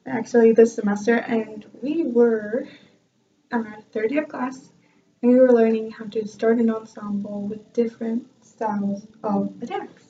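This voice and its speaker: Telling a self-mocking tale from music class, this young adult vlogger laughs often in a chatty manner. Her voice is a little high and mellow, recorded from a distance in dull lo-fi sound with a bit of hiss or hum.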